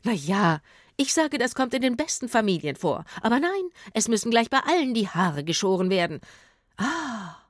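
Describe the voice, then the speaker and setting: A woman's voice: fairly high pitch, very animated, normal speed, dry recording, clean studio sound, pitched above the performer's own voice. A woman voicing a proud, indignant hairdresser in a children's audio story. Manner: indignant, theatrical.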